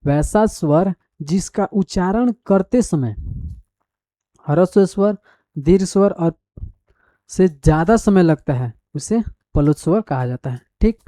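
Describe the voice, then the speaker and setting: A male teacher talks through a school grammar lesson in an unhurried way, stretching out each word as he dictates notes. His voice is mellow and low-key, and the recording is dry and close with almost no room sound. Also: expressive, no echo. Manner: dictates slowly word by word while writing; repeats definitions and quizzes the class.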